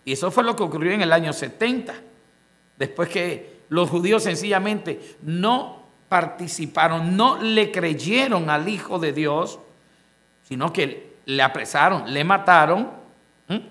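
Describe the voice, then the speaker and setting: A man's voice: on the high side, expressive, measured pace, sharp tone. A man preaching a sermon, reading scripture aloud and explaining it to the congregation, often asking them rhetorical questions. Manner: expository preaching, reads scripture then explains word by word. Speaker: pastor.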